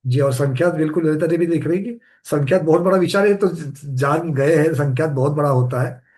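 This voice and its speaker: A man's voice: a little high, fairly quick, darkish tone. A man in a scripture class who respectfully asks questions and restates ideas to check his understanding. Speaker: student asking questions. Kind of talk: question-and-answer discussion.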